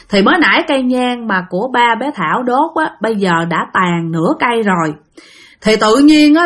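Narrating spoken ghost stories in a chatty manner, this Southern Vietnamese-accented woman addresses her audience directly. Her voice runs on the high side with a fairly bright tone.

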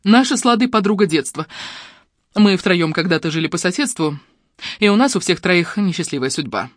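A man doing a shrill, whiny frightened woman. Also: lively intonation, brisk, no echo, studio quality. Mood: bitter. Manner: high, whiny and pleading. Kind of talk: audiobook character reading.

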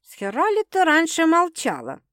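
A woman's voice: on the high side, sing-song, normal speed, no echo, clean studio sound. A woman reading an audiobook voices Sveta, a brash young woman who teases her sister with bawdy, mocking jokes. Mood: teasing.

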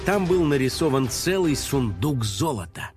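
Выразительный мужской голос рассказчика. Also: male voice, mid-range voice, normal speed, faint music behind. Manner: expressive, playful. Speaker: narrator. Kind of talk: children's audiobook narration.

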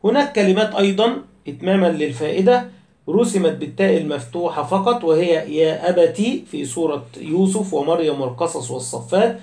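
A man teaching a lesson on Quranic spelling and recitation, listing words one by one and reciting the quoted verses slowly and deliberately. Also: a little high, mellow, roomy sound.

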